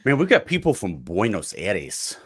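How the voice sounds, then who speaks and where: A man's voice: on the low side, wildly swooping pitch, normal speed, fairly bright tone, husky, no echo. A man hosting a live sports talk stream, joking casually and reading out viewer questions while fighting a cold. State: has a cold. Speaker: podcast host.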